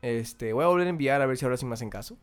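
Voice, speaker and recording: A man, hosting a podcast and telling a story in an animated way, acting out the voices of the people in it. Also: medium pitch, racing, smooth. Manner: animated, acts out quoted voices. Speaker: podcast host. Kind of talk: casual storytelling.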